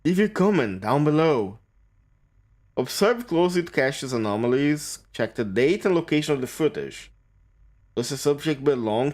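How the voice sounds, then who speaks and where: A male streamer reading a game's on-screen text aloud, stumbling and restarting on words, with quick remarks of his own. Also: medium pitch, a little mellow.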